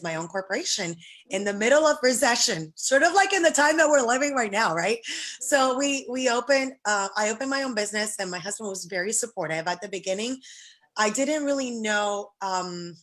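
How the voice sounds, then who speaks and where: A woman's voice: mid-range voice, fairly bright tone. A middle-aged woman from Puerto Rico, a pageant director, telling her story in a casual interview, earnest and grateful, with many restarts.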